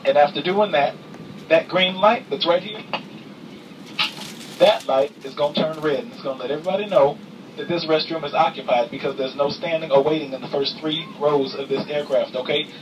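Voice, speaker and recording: A man's voice: on the high side, brisk, dull audio. Distant, sassy male flight attendant announcement. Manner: playful deadpan sass, mock-stern. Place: aircraft cabin. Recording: distant, noisy aircraft cabin capture.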